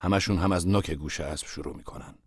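An actor playing an irritable old master painter who scolds and lectures in a gruff voice. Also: male voice, low-pitched, no room sound, clean studio sound. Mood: lecturing. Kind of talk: audio drama acting.

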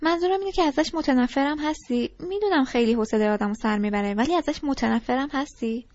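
A woman's voice: high voice, a little mellow, dry recording, lightly acted. A woman doing a restless, ranting teenage boy. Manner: rambling and pleading. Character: restless, disgruntled teenage boy pouring out complaints. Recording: dull lo-fi recording.

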